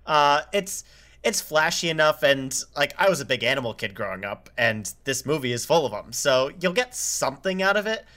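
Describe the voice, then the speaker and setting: A man co-hosting a film podcast, critiquing a movie in a casual, halting way. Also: mid-range voice, big pitch swings, bright, forceful tone. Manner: halting, many fillers and restarts. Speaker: podcast co-host. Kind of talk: casual film review chat.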